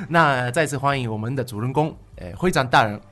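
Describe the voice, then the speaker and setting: A man, a native Japanese speaker, hosts a casual interview in halting, simple Japanese-accented Mandarin. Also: mid-range voice, a bit bright, faint music behind. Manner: halting, simple phrasing with frequent short echoes of the guest. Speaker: podcast host.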